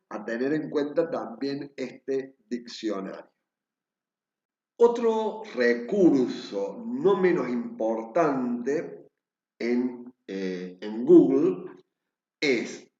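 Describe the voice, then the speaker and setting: A man's voice: mid-range voice, a little mellow. A man with an Argentine accent, a translation instructor giving a patient screen-share lecture and pointing out details as he goes. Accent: Argentine Spanish. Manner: patient, repeatedly pointing things out. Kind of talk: screen-share lecture walking through reference dictionaries. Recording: roomy, slightly dull recording.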